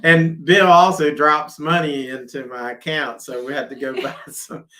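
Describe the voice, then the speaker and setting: A man's voice: fairly high pitch, fairly even intonation, normal speed, pushed and bright, a little hiss or hum. A man hosting a casual livestream, reading viewer comments aloud and laughing often. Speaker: livestream host.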